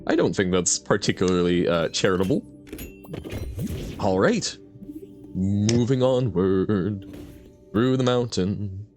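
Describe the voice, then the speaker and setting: With soft music in the background, a gamer rambles through relaxed commentary, responding to chat messages, musing aloud and laughing often. His voice is fairly low and darkish, slow and frequently paused, with lively intonation.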